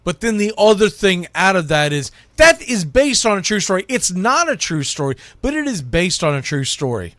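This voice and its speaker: Recorded close and dry with no room sound, a middle-aged man with a slightly high voice argues his points like a sports radio host, emphatic on the key ones and folksy in his asides. This radio host and baseball announcer counts down a list in a very animated, opinionated monologue at normal speed with hardly any pauses, calling out each item loudly before dropping into quieter musing.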